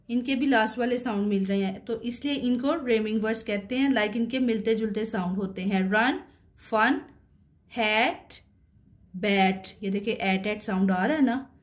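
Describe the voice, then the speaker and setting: Woman, online teacher, somewhat high voice, slow careful English reading, keeps checking "right?". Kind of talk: explaining a children's English lesson.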